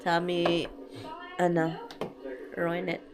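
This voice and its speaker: A Filipino woman vlogging casually at home with a Filipino accent, mixing chatty talk with hushed asides. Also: lowish voice, completely flat delivery, drawn-out words, crowd noise. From Philippines. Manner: chatty, switching between Tagalog and English, often drops to a whisper. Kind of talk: casual vlog chat. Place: home, garage and house. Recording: noisy home recording.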